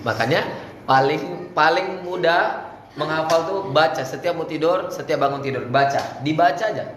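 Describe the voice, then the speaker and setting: Male speech coach, casual, chants sample lines, higher voice, echoey room. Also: normal speed, a bit bright. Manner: casual, demonstrates Arabic recitation in a chanting voice. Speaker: teacher coaching students in Islamic speech contest. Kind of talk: coaching lesson with demonstrations. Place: indoor room at an Islamic boarding school. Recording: echoey room, faint background noise.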